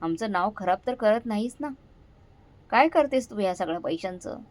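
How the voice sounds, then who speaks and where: A woman's voice: medium pitch, lively intonation, normal speed, close to an everyday voice. Woman doing an angry, accusing grown son. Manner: scolding, interrogating.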